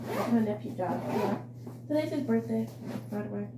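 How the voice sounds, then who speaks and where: A woman's voice: fairly high pitch, moderate pace. A young woman vlogging as she gets ready in the morning, rambling and chatty with lots of fillers, in a groggy morning voice. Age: young adult. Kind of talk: casual get-ready-with-me vlog. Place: home, indoors. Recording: roomy echo with steady background noise.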